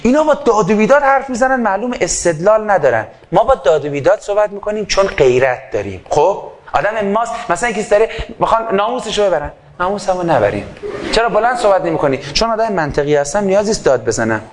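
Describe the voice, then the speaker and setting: Man, high voice, fervent sermon, loud outbursts and soft asides, acted-out dialogues, microphone. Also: very animated, a little hiss or hum. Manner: swings between loud fervor and quiet asides, acting out dialogues. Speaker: preacher. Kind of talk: impassioned sermon.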